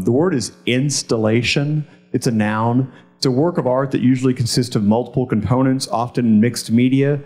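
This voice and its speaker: A man's voice: medium pitch, darkish tone. A middle-aged man at a podium microphone, formally reading out words, definitions and sentences with careful enunciation as a spelling bee pronouncer. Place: large indoor event hall. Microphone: podium microphone on a stand.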